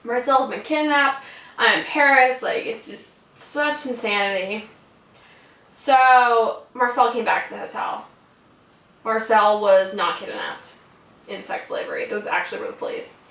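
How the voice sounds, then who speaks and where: A young American woman recounts a story in loose, everyday talk, peppered with "like" and swearing. Her voice is bright and forward. The recording is roomy, with the mic set back from her. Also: a little high, a little slow, gravelly. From United States. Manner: casual, swears freely, filler "like" throughout. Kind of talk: casual personal storytelling. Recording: roomy sound from a distant mic.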